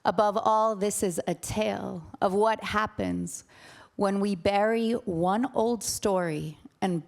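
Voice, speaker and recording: Woman in her thirties, stage storyteller, dramatic delivery, gravelly voice. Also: on the low side, a little mellow. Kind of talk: personal storytelling talk.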